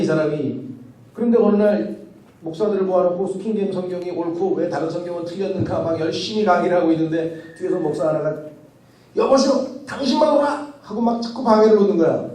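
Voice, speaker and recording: A man's voice: sits high, dark tone. A male pastor preaching a sermon, telling stories animatedly and asking rhetorical questions, at a church retreat. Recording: echoey hall from far off.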